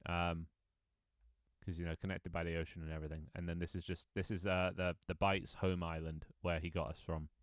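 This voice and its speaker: Speaking in a brisk, low-pitched voice with a level tone, a man in his 20s chats with viewers during a live stream of his own game. He rambles, restarts often, says "um" a lot, and reads chat aloud. The tone is clean, with no room sound and studio-quality audio.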